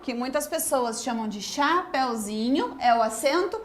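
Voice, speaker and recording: A woman teacher from Brazil giving an online grammar lesson, dictating words slowly and asking the class questions. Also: high voice, animated, very noisy. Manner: slow, drawn-out word-by-word dictation.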